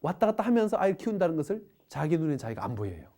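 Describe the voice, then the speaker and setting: A woman's voice: fairly low pitch, sing-song, very fast, dark tone. A middle-aged woman giving a parenting lecture, asking the audience rhetorical questions. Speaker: parenting educator.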